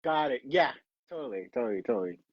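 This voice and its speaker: Laid-back Bahamian-born man, husky, lo-fi dry call sound. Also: medium pitch, expressive, fast, no room sound. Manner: easygoing, laughs often. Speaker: guest contestant. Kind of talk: casual chat.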